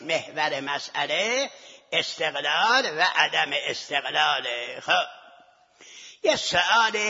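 A man's voice: fairly high pitch, bright, forceful tone, slightly rough. A man teaching seminary students in a scholarly lecture, arguing his point and posing rhetorical questions to the class. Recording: lo-fi recording with long hall reverb.

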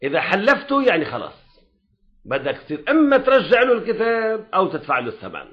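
A man's voice: sits high, wildly swooping pitch, quick pace, muffled recording. A man with a Lebanese Arabic accent teaching religious law in a classroom lecture, often checking that his students follow.

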